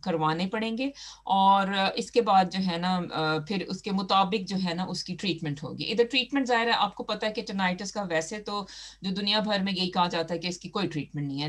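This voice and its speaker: A woman doctor explaining a health topic in a chatty way, with many fillers and restarts. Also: mid-range voice.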